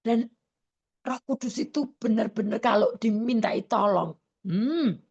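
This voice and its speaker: A woman evangelist preaching a sermon over an online video call, earnest and slow, often stopping on fillers and correcting herself. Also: on the high side, vocal fry, a little mellow, breathy edge, muffled recording.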